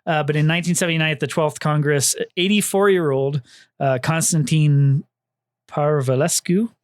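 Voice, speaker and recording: A man with a slightly higher voice walks his co-hosts through history in a loose, rambling way. He leans on fillers and swears without a second thought. The sound is close and dry. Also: fairly even intonation, normal speed, smooth, no room sound. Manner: loose and chatty, lots of fillers, swears freely. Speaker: podcast co-host presenting history. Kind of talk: casual history podcast narration.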